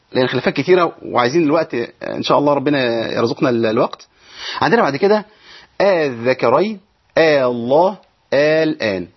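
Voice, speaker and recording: A man with an Egyptian accent teaches Quran reading in an online lesson, talking fast in a husky, fairly high voice. He breaks the rules down step by step and answers his own questions. The recording sounds dull and lo-fi. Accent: Egyptian Arabic. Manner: explains step by step, asks questions and answers them himself; recites verses slowly.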